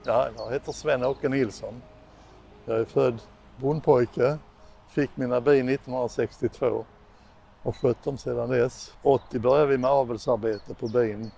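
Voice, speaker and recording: A man's voice: mid-range voice, steady tone, normal speed, vocal fry, dark tone, breathy edge, faint music behind. An older man from Sweden, a longtime beekeeper, speaking in a plain, matter-of-fact way in an outdoor documentary interview. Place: outdoors among bare trees.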